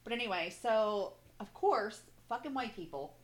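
A woman co-hosting a casual, sweary chat in valley girl speech, with drawn-out exclamations and lots of "like". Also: a little high, expressive, a little hiss or hum. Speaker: podcast co-host.

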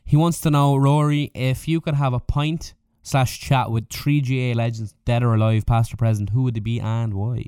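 Young Irish male co-host, early twenties; smooth, clear voice, closely dry, informal and lightly teasing. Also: medium pitch, steady tone, moderate pace, few pauses, dark tone, dry recording. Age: early 20s. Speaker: podcast co-host reading out listener questions. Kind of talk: casual chat.

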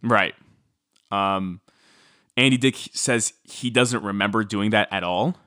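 A man's voice: lowish voice, slow pace, dry recording, studio quality. A man casually recounting a true-crime story as podcast co-host, chatty with many fillers. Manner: chatty, filler-heavy, animated when quoting.

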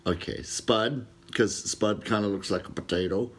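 A man's voice: lowish voice, moderate pace. A man co-hosting a casual podcast, joking and teasing his co-host. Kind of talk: casual chat.

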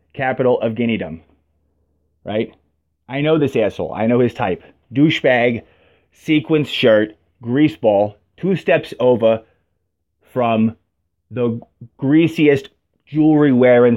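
Abrasive male comic host, profane sarcastic rant, muffled lo-fi sound. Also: medium pitch. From New York. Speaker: comedy podcast host. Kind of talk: ranting comic monologue. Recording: dull lo-fi audio.

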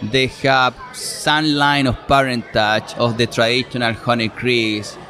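Faint music and a faint crowd sit behind a middle-aged Chilean man with a Chilean Spanish accent who explains his work as a fruit specialist. His relaxed interview answers at the outdoor farm show are peppered with fillers and restarts. His mid-range voice is sharp in tone, fairly even in intonation and a little slow.

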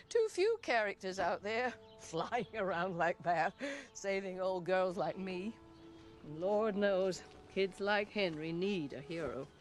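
An older actress giving a gentle, earnest, heartfelt monologue in an unhurried way. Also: female voice, lowish voice.

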